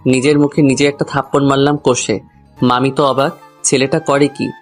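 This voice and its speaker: Soft music plays under a man telling a comic love story about himself, in which he is both narrator and lead. His mid-range voice stays flat and fairly contained, at a moderate pace. He grumbles confidingly, addressing the listener directly.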